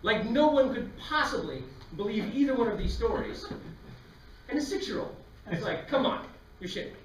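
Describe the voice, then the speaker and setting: A man's voice: very high-pitched, normal speed, a little hiss or hum. A man giving a comedy talk and acting out voices as he tells stories to a live audience. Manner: animated, acts out voices while telling stories. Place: lecture hall with a live audience. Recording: echoey hall, from a distance.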